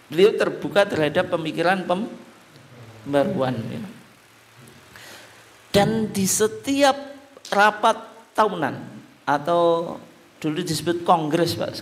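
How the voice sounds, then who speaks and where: Guy giving a religious talk, kinda high voice, quizzing the crowd then answering himself. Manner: lively, asks the audience questions and answers them himself, addresses them as Pak. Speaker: religious teacher. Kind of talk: religious study lecture.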